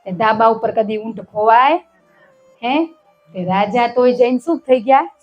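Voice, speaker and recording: Woman giving a devotional talk, higher voice. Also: measured pace, lo-fi sound, soft background music. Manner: asks the listeners short questions; acts out the characters' shouted lines. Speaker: spiritual satsang speaker.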